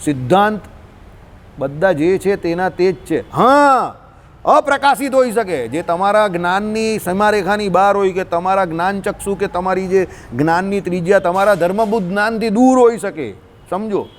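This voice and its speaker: A religious teacher with a high voice speaks at a moderate pace, delivering a scriptural discourse. His manner is scolding and colloquial, and he fills the talk with rhetorical questions.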